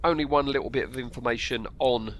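Talking fast in a medium-pitched, fairly bright voice, a man hosts a laid-back film podcast while stuffed up from a cold. He reads actor trivia hesitantly, rambling and saying things twice, with a little hiss or hum in the background.

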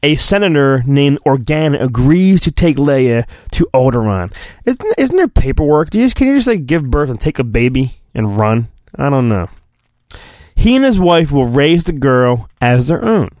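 On his podcast, a man reads a storybook with over-the-top theatrical drama, drawn-out delivery and silly digressions. His medium-pitched voice is a bit mellow and swings widely in pitch, captured in a dry, studio-quality recording.

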